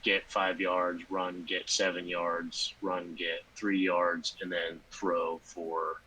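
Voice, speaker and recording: Low-voiced guy talking football, bright edgy tone, lots of likes and ums, faint hum behind. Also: takes it slowly, rough recording. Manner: rambling, filler-heavy, animated bursts. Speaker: podcast co-host. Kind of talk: casual sports chat.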